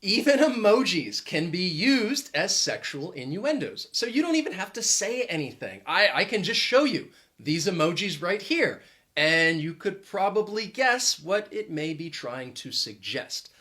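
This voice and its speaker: Bright-voiced man teaching deliberately. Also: high-pitched, sing-song. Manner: clear, deliberate, stresses key words. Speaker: English teacher. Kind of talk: explanatory video lesson.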